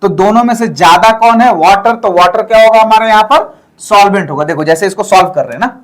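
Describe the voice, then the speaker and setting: A brisk, high-pitched man delivers a chemistry class lecture. He explains each step in turn, uses English terms along the way and regularly checks in with his listeners.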